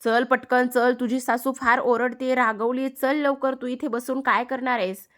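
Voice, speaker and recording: An excited village boy calls out in a hurried, urgent rush, as a woman puts him on. The voice sits high and carries loudly. It is a quick storybook retelling of a boy sent running with news.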